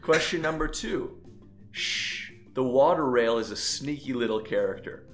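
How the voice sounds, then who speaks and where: A man's voice: medium pitch, lively intonation, measured pace, fairly bright tone, faint music behind. A man hosting an animal quiz, reading playful clues and teasing the contestants. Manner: jokey, teasing, laughs between lines. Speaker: quiz host.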